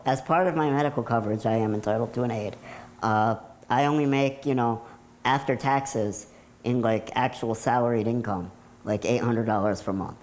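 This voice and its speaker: A man's voice: medium pitch, normal speed, a little mellow. A nineteen-year-old man with an American accent, talking candidly and matter-of-factly in a casual documentary interview style. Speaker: computer programmer telling their own story.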